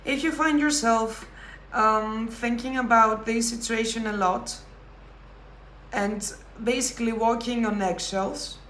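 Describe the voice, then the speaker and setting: Woman, tarot reader, unhurried, reflective, pauses, roomy sound, faint ambience. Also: on the high side, fairly even intonation, fairly bright tone, slight background noise. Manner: slow, thoughtful delivery with pauses and self-corrections. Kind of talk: pick-a-card tarot reading.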